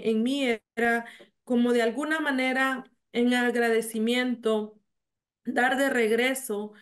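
A woman, telling her story haltingly over a video call, full of fillers and restarts. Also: fairly high pitch. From El Salvador. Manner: hesitant, many fillers and restarts. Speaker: mayor, interview guest. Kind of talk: remote interview. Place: small home office.

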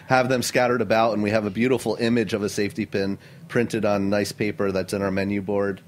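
A middle-aged man with a notably low voice, speaking as a chef in a studio interview. He answers earnestly and with energy, sprinkling in "you know" and "um" as he goes. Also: flat delivery, fairly quick. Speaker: chef and restaurant owner. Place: radio studio.

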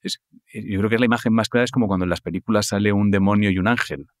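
A man with a Spain Spanish accent hosting a podcast, engaged and quick to chime in during casual conversation. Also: on the low side, steady tone, dry recording, clean studio sound. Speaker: podcast host.

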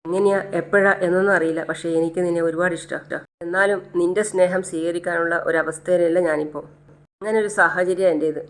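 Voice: medium pitch, fairly even intonation, fast talker, natural voice. A narrator voicing a heartbroken young man torn by duty, pleading and choked with tears. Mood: tender regret. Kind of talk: retelling a TV serial.

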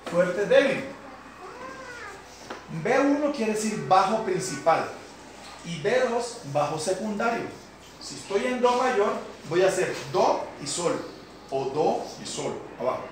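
A man's voice: high-pitched, big pitch swings, measured pace, slight background noise. A man teaching a beginner keyboard class, explaining patiently and checking in with the students. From Colombia. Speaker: piano instructor. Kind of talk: classroom lesson. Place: community center classroom. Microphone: far camera. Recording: roomy echo, distant mic. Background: piano keyboard playing.

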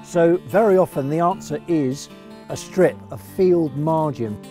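Middle-aged man, warm low tone, keen field guide out in the grass, faint music behind. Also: measured pace. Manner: clear, enthusiastic explaining. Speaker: conservation educator. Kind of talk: instructional nature film.

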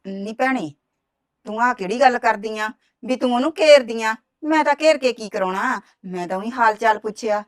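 A woman's voice: a little high, moderate pace, lightly acted. A meddling village gossip, played by a woman, speaking. She wheedles and keeps relaying what others said. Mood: wheedling. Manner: wheedling, reports others' words. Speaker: actress. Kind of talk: village drama dialogue.

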